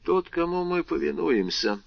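A man reading as a cool deadpan bandit chief. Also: on the high side, vocal fry, no room sound, pitched above the performer's own voice, full character voice. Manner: unhurried, deadpan. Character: calm, phlegmatic male bandit chief, coldly ironic. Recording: slightly muffled dry recording.

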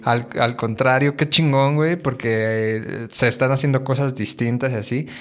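Podcast host: young male, central Mexican accent, medium pitch, casual frat-bro slang, supportive. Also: fairly even intonation, moderate pace, a bit bright. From Puebla, Mexico. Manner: slangy, bro-like, hyping up his guest.

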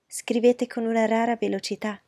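A woman's voice: fairly high pitch, level tone, normal speed, dark tone, dry recording, pitched above the performer's own voice. A woman reading aloud voices a young society lady who fawns eagerly and insists on her compliments. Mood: gushing.

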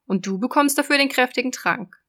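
A woman voicing a cruel, scheming old sea witch in a storybook reading, loud and sneering. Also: high voice, fairly quick, voice pushed up. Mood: menacing, sneering.

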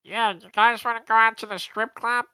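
Goofy nasal male character, high pinched voice, as a player puts him on, dry close sound. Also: flat delivery, a little fast, sharp tone, smooth, no echo, heavily acted. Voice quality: nasal, held nose. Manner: high, pinched, clumsy impression.

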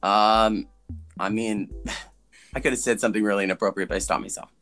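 A man's voice: on the low side, fairly even intonation, a little fast, fairly bright tone. A man co-hosting a casual movie podcast, retelling scenes animatedly and laughing often. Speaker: podcast co-host. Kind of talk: casual chat recapping a movie.

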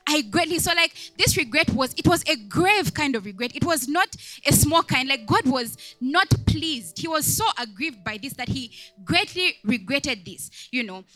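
A woman's voice: high-pitched, lively intonation, normal speed, sharp tone, no echo, soft background music. A young woman, a deaconess, giving a conversational sermon, chatty, with many asides and questions put to the congregation. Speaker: deaconess preaching.

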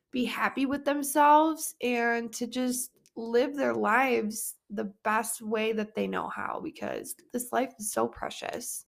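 A young woman hosting a personal podcast and coaching other women, telling a story in an earnest, reflective way and often repeating words as she thinks. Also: fairly high pitch. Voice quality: vocal fry.

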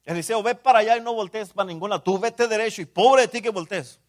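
A man voicing a stern old male prophet who loudly scolds his servant. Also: sits high, fast, voice pushed up, close to an everyday voice. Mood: scolding. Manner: loud, impatient scolding.

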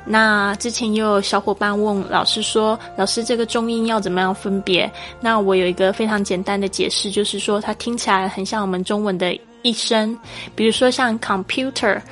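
A woman hosting a podcast English lesson. She explains patiently and spells English words out slowly, letter by letter. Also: medium pitch, fairly bright tone. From Taiwan. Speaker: English teacher and podcast host.

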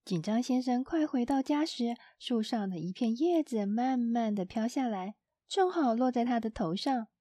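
A woman narrating a children's storybook in a gentle, expressive storytelling manner. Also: a little high, normal speed, dry recording, clean studio sound.

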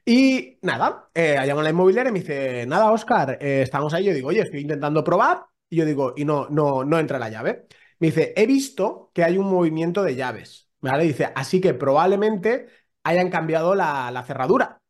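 A man co-hosts a casual podcast and tells a long story. His pitch climbs and falls a great deal, and he acts out the dialogue as he goes. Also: expressive, moderate pace. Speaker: podcast co-host.

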